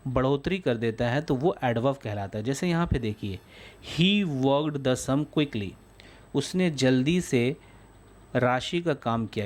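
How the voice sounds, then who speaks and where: A man's voice: mid-range voice, darkish tone. A man teaching English grammar in a lesson, patiently reading out English definitions and explaining each one in Hindi.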